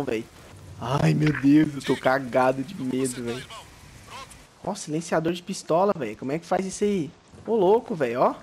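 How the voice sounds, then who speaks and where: A young man with a Brazilian Portuguese accent chatters through a let's play in slangy, profane commentary. His voice sits fairly high for a man and jumps into sharp yelps and shouts at every scare. A faint hiss stays under the recording. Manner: jumpy, yelps and shouts when startled, slangy and swearing. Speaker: gaming YouTuber.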